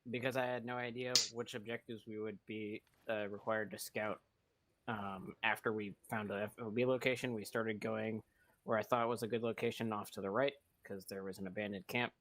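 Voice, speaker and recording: A man giving a recon report over voice chat, halting with many fillers. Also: fairly low pitch, flat delivery, fairly bright tone. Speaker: recon squad leader.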